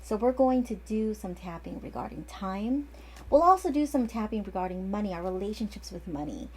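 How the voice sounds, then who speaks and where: A woman's voice: mid-range voice, expressive, brisk, husky. A woman in her forties, an acupuncturist, giving a casual, chatty lesson that often wanders off and restarts. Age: 40s. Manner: chatty and digressive, with frequent restarts. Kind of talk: casual instructional talk.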